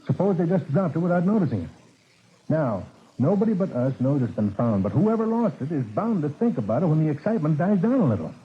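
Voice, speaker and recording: An actor playing a nervous, fretful theater manager in a 1940s radio drama. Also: male voice, fairly high pitch, sing-song, fast, breathy edge, exaggerated voice. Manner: fretful, talkative. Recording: tinny old radio broadcast.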